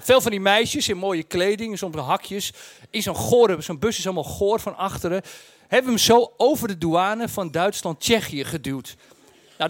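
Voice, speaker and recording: A man with a distinctly high voice recounts an anecdote in a very dry recording. He talks casually and bluntly, in colloquial language, and performs the story as he tells it. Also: dry recording. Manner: acts out dialogue and sound effects. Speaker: storyteller recounting his travel experience.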